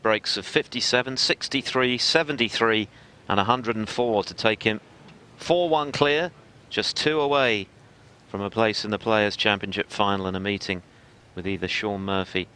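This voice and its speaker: A man giving live snooker commentary in a measured, analytical manner. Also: fairly low pitch, pushed and bright, clear, resonant tone.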